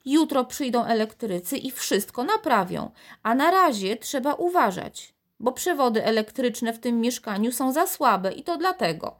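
A woman's voice: a little high, sing-song, normal speed, hardly any pauses, pitched above the performer's own voice. A woman voicing an elderly grandmother who scolds her grandson anxiously in a storybook reading. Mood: worried.

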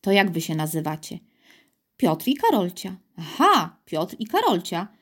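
A woman's voice: on the low side, very animated, a little slow, fairly bright tone, husky, exaggerated voice. A woman voicing a flustered, bewildered middle-aged male city mayor in a storybook reading, puzzled and slightly fussy. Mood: contrite.

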